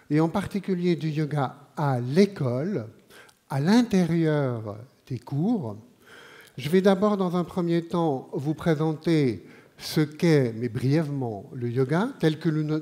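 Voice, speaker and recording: A Swiss man in his sixties with a Swiss French accent gives a live conference talk from an auditorium stage. His voice is a little high for a man but mellow and warm. He speaks slowly and deliberately, pausing often and filling gaps with hesitations.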